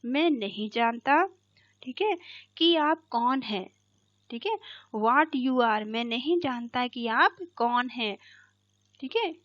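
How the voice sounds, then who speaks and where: A woman teacher explaining an English poem line by line in Hindi, checking each point with "theek hai" and reading the English lines slowly. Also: on the high side, expressive, dry recording. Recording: dull, dry lo-fi recording.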